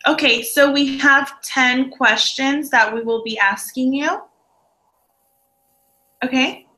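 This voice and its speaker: A woman's voice: high-pitched, takes it slowly, pushed and bright, poor audio. A woman interviewing a student, asking a prepared list of questions in a friendly, orderly way. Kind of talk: casual interview.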